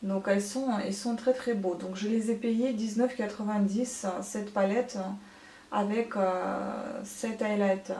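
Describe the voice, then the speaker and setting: A woman's voice: mid-range voice, steady tone, unhurried, warm tone. Woman beauty vlogger, casual haul chat, hesitant fillers, echoey room. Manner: chatty, many hesitant fillers.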